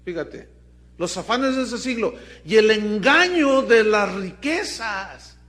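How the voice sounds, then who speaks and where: A man's voice: high voice, lively intonation, slow, fairly bright tone. A man with a Mexican accent preaching a sermon to his congregation, emphatic and full of questions to the listeners. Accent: Mexican Spanish. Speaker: pastor.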